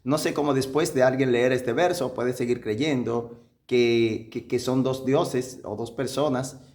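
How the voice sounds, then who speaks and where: A male pastor teaching from the Bible, reasoning step by step with rhetorical questions and repeating key points for emphasis, slowing down to read verses aloud. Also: mid-range voice, fairly even intonation, a little mellow. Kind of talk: sermon-style Bible teaching.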